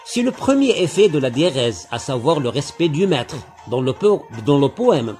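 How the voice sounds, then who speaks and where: A man giving a literature lesson, analysing a poem slowly and deliberately, spelling out syllables. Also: a little high, sing-song, darkish tone, faint music behind. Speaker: literature teacher. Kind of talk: lecture-style poem analysis.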